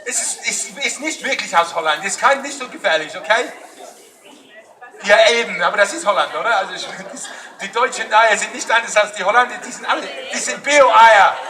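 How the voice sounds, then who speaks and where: A man with a high voice talks fairly quickly while performing on the street, joking loudly and often shouting at a festival crowd in a mix of broken German and English. The setting is an outdoor town square, and the live banter was filmed from afar with no mic, leaving crowd noise throughout the audio.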